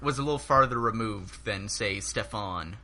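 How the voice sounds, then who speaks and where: A man hosting a casual comedy podcast, steering the talk with quick questions. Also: fairly low pitch, sharp tone. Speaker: podcast host. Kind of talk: casual chat.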